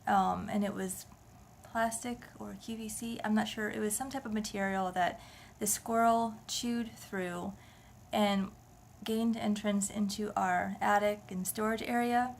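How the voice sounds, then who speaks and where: A woman's voice: medium pitch, fairly even intonation, measured pace, vocal fry, a little hiss or hum. A woman in her thirties chatting casually to the camera at home, rambling and thinking aloud with many restarts. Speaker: vlogger. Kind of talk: casual home vlog chat. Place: family house indoors.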